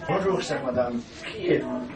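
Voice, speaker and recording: A man's voice: mid-range voice, normal speed, natural voice. A man acting a pompous, formal man who believes he is a French noble lord, speaking in a courtly way. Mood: haughty. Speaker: amateur stage actor. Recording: echoey room, far from the mic, crowd behind.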